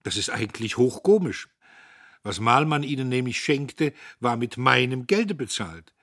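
A man's voice: medium pitch, animated, measured pace, a bit bright, no echo, studio quality, voice pushed up. A man reading aloud, voicing a pompous, cowardly young man who speaks in a raised, insistent, self-satisfied way. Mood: boastful.

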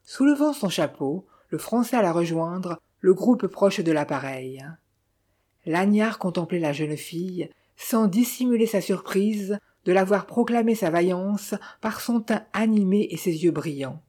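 A woman narrating a novel in a measured, even reading style. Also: fairly low pitch, husky.

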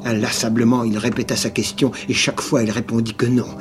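This archival radio broadcast, with background music and noise, features a male actor giving a dramatized reading of a novel. He moves quickly with little pitch movement, his narration repeatedly sinking to a low whisper and the dialogue flaring into jealous outbursts.

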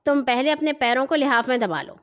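A woman's voice: high voice, muffled recording, lightly acted. A woman voicing a cross, bossy older sister who keeps getting interrupted while telling a bedtime story. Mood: soothing. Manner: exasperated, scolding.

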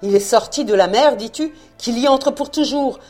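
A woman's voice: low-pitched, lively intonation, measured pace, soft background music, voice pushed down. A woman voicing an old fisherman father in a rage. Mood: furious. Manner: stammering, shouting in rage. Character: old Breton fisherman father, stubborn and furious.

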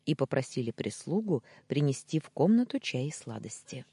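Woman, audiobook narration, expressive melodic reading, dry close sound, husky tone. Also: rumbling low, moderate pace, no echo. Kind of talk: first-person audiobook narration.

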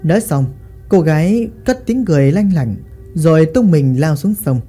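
A woman tells a ghost story with dramatic, expressive delivery. Her voice is mellow and a little husky, and her pitch rises and falls freely. Faint music plays beneath the telling. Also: normal speed.

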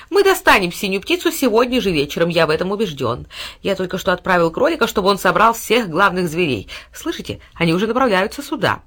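A woman voicing a sly, flattering male cat who talks in a sugary, scheming way. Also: medium pitch. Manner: sugary, fawning, scornful aside.

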